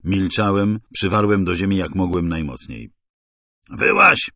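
A man reading a first-person thriller audiobook in a wry, hard-boiled, measured way. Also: fairly low pitch, animated, no echo, studio quality. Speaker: audiobook narrator.

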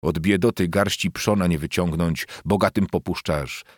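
A man reading an audiobook, voicing a shrill, sharp-tongued peasant wife who scolds and mocks her husband. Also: normal speed, breathy edge, dry recording, clean studio sound. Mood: mocking. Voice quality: shrill, mocking and jeering.

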